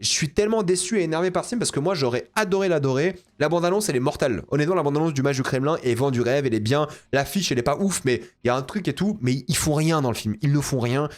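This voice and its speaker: A man's voice: a little high, fast talker, few pauses. A young man giving a casual spoken film review, exasperated and ranting, repeating himself. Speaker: film critic.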